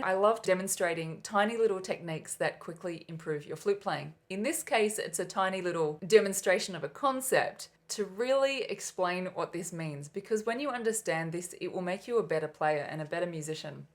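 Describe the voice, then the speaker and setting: An Australian woman teaching an online flute lesson, her voice set a little low. She talks with bubbly enthusiasm, playfully calling herself a nerd as she explains ideas step by step. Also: animated, moderate pace, few pauses.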